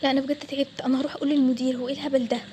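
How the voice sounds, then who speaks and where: A woman's voice: high-pitched, level tone, racing, warm tone, slight background noise, lightly acted. A woman with an Egyptian Arabic accent voicing an exasperated young bank clerk in a toy role-play story. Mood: annoyed. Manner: exasperated, snapping back.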